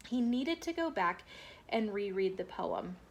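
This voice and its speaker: A woman reads a children's picture book aloud, telling the story expressively in a mid-range voice at a slightly slow pace.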